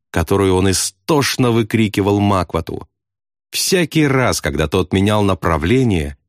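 A man narrating a novel as an audiobook, with steady, dramatic storytelling. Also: lowish voice, dry recording, clean studio sound.

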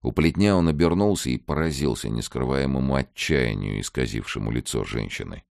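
A man reading a novel aloud, voicing every character, with lively delivery that rises sharply for shouted dialogue. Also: a bass voice, a little fast, creaky, no room sound, clean studio sound. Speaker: audiobook narrator.

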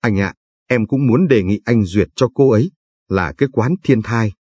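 Brief: man voicing a deferential clerk, eager to please, husky low voice. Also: moderate pace, darkish tone, dry recording, studio quality. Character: fawning, nervous male clerk.

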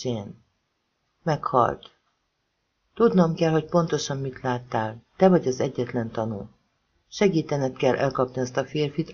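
A woman's voice: extremely low pitch, darkish tone, exaggerated voice. A man reading a determined, lonely woman with a firm, insistent manner, in a slightly dull audiobook recording. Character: determined, lonely woman ready to sacrifice herself.

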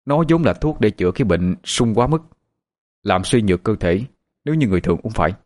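Man doing a gruff, steady older leader. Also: fairly low pitch, fast, natural voice. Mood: earnest. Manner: gruff, matter-of-fact big-brother talk. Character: older male leader, regretful but steady.

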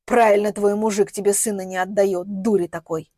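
A woman's voice: medium pitch, steady tone, fairly quick, warm tone, no room sound, clean studio sound, lightly acted. A woman reading the lines of a desperate middle-aged man searching for his missing daughter, with strained, pleading outbursts.

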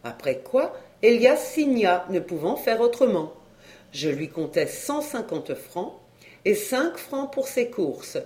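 A reader giving a literary story in expressive, varied audiobook narration. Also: medium pitch, slow.

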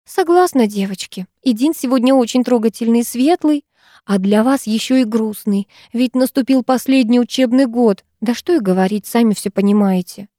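A cooing, solemn middle-aged chemistry teacher, as a woman reads her out in a storybook. She gushes with pride in a mellow, warm tone. The sound is close and dry. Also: a little high, normal speed, no room sound, pitched above the performer's own voice, natural voice. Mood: gushing.

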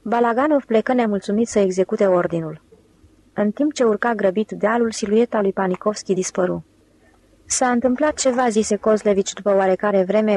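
A woman reading a novel aloud as an audiobook narrator, in a steady, even voice on a close mic. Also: medium pitch, poor audio. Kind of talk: scripted narration.

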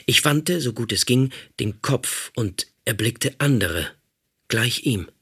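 Husky man, audiobook narration, calm and measured, mid pitch.

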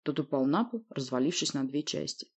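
A woman narrates a fantasy novel in a steady storytelling voice. Her pitch sits on the low side. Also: brisk, husky. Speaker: audiobook narrator. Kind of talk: scripted narration.

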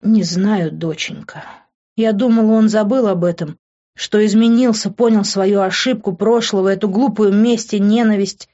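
A woman's voice: medium pitch, normal speed, warm tone, highs cut off, natural voice. A woman reading an audiobook voices a worried, caring middle-aged mother who sighs wearily. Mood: weary. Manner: soothing, then weary sighs.

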